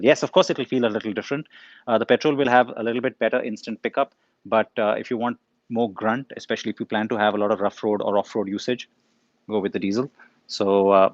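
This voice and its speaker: A man's voice: on the low side, no room sound, muffled recording. A middle-aged man, answering viewers' questions in a live session, conversational with frequent ums and uhs. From India. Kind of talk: live Q&A, casual explanation.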